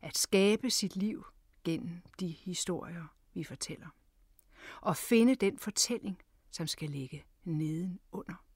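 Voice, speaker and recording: A woman's voice: fairly low pitch, darkish tone, breathy edge, no echo, studio quality. A woman storyteller and radio host, telling a story with dramatic shifts between a full voice and a whisper.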